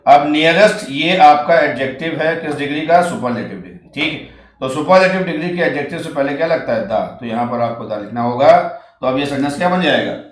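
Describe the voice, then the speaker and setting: A man teaching English grammar in a coaching class, explaining step by step and reading each example sentence out slowly. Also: fairly high pitch, echoey room. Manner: explains step by step, often checks "ठीक है".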